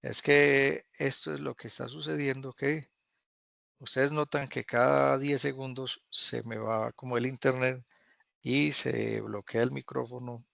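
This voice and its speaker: A man teaching English in an online class, patiently repeating phrases slowly for students to drill. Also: mid-range voice, little pitch movement, vocal fry, a bit bright, no room sound. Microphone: video call.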